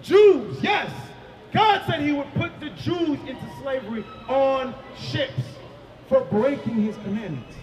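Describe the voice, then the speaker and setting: A high-voiced man preaching on a busy street and shouting his points again and again. He is picked up from a distance, with a crowd around him. The sound echoes. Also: animated, a little slow. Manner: forceful, often shouting, repeats himself. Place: outdoors on a city street.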